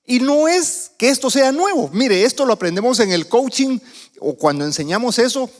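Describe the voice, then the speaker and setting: A man's voice: extremely high pitch, very animated, normal speed, long reverb tail. A man from Guatemala preaching a sermon as a visiting speaker, talking conversationally and putting questions to the congregation. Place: church sanctuary.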